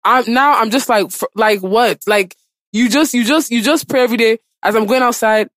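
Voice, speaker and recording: A woman's voice: a little high, moderate pace, fairly bright tone, no room sound. Casting: woman podcast host, impassioned and conversational, emphatic repetition, very dry recording. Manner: emphatic, repeats phrases for stress. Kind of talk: impassioned casual podcast talk.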